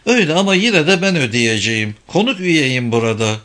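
A man's voice: fairly high pitch, sing-song, brisk, fairly bright tone, pitched above the performer's own voice. A man doing a teasing, self-assured young woman.

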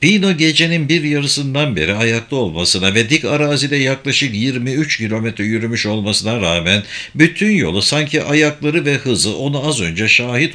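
A man narrating an audiobook in a measured, somber reading. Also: medium pitch, bright, forceful tone.

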